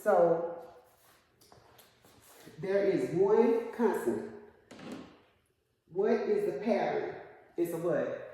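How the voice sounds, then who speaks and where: A woman's voice: on the low side, animated, very slow, long pauses, warm tone. A woman teaching a one-on-one phonics lesson, patiently asking questions and repeating her student's answers. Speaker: reading teacher. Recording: echoey room, long reverb.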